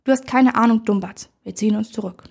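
A woman's voice: fairly high pitch, fast talker, vocal fry, husky. A woman reading as a grumpy troll king. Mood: gruff scolding. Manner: growling, scolding. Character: gruff male troll king, bossy and irritable.

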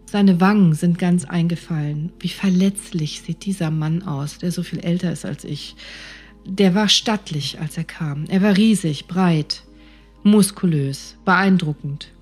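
A woman's voice: on the low side, unhurried, slightly rough, soft background music. A woman doctor vividly telling a personal story, acting out the dialogue. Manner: vivid, animated retelling with acted dialogue.

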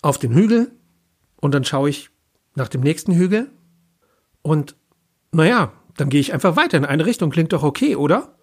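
A man with a husky voice voicing a blunt, cursing young woman with colorful hair, stranded on a phone call. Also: fairly high pitch, sing-song, normal speed, pauses often, heavily acted. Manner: blunt, casual, sarcastic.

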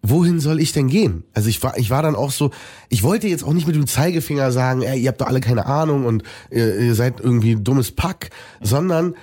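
A man in an interview, talking earnestly and reflectively with many pauses and restarts. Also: mid-range voice, animated, mellow, husky. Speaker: musician guest. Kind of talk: conversational interview.

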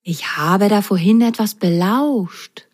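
A woman voicing a calm male house cat who speaks softly and unhurriedly in a children's story. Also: medium pitch, no echo, studio quality. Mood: curious. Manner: soft, unhurried, purring.

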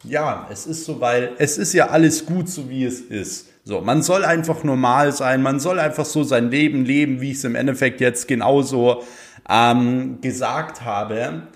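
Speaking at a normal speed and medium pitch, a young motivational speaker addresses his viewers casually. He leans on many fillers and raises his emphasis whenever he hits a key point.

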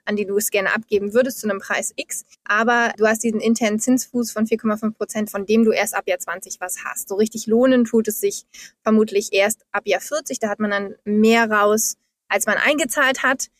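A woman's voice: mid-range voice, steady tone, a little fast. A woman in her thirties, a guest in an interview, explaining figures steadily and with enthusiasm. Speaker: guest, founder of a forest project. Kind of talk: interview answers.

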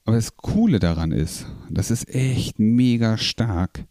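A man's voice: fairly low pitch, lively intonation, a little slow, warm tone, no room sound, clean studio sound. A man coaching a listener, explaining with examples, rhetorical questions and frequent tag questions. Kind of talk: coaching talk in a podcast.

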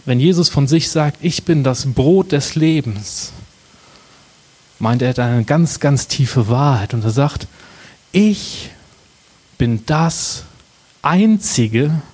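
Husky-voiced man preaching a sermon. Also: medium pitch, warm tone. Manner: dramatic pauses, slow emphatic phrasing. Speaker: pastor.

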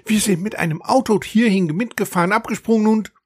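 A man's voice: high-pitched, fairly quick, husky, dry recording, clean studio sound, pitched above the performer's own voice. A man voicing an adventurous male forest mouse who talks eagerly and a little proudly.

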